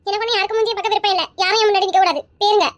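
Resentful, hurt young bride with a Kanyakumari Tamil accent, played by a woman, high-pitched and rapid. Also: steady tone, fairly bright tone. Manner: resentful, pleading.

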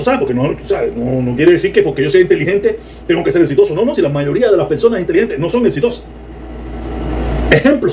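A Cuban man with a Cuban Spanish accent talks rapidly in a casual livestream, sarcastic and animated as he reads comments. His voice sits high but sounds warm and mellow. A faint hiss of background noise runs behind him. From Cuba. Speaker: political commentator reading viewer comments.

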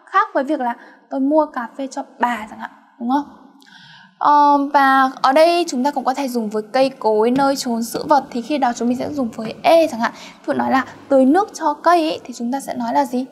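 A woman teaching a grammar lesson, explaining step by step and checking in with her students through frequent questions. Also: high voice. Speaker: Korean language teacher.

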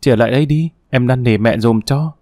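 A man's voice: medium pitch, brisk, dark tone, no room sound, studio quality, natural voice. A man voicing a timid young girl who answers tearfully. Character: young girl, sobbing little sister.

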